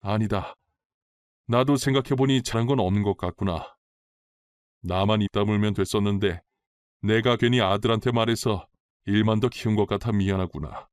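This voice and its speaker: A man's voice: fairly low pitch, normal speed, clean tone, dry recording, voice pushed down, natural voice. Stern older mother-in-law, a man reading her, firm and scolding, dry close sound. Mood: calm. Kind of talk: storytelling drama reading.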